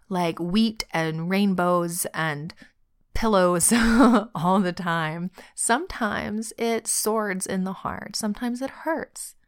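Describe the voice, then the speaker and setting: Woman host, solo reflective podcast, sick and choked-up voice, very slow, heartfelt delivery with soft whispers. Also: medium pitch, clean tone.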